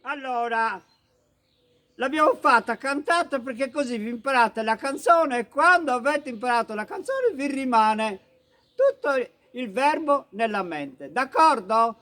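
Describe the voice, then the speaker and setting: Man playing a shrill woman teacher, bossy, comic sketch. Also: animated, measured pace, bright, forceful tone, full character voice. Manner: bossy, checks in with "d'accordo?". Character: fussy woman teacher of a comic dialect class.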